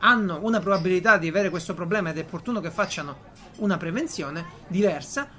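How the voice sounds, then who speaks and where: A man in casual podcast chat as host, animated and ironic, often repeating phrases for emphasis. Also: high-pitched, fast.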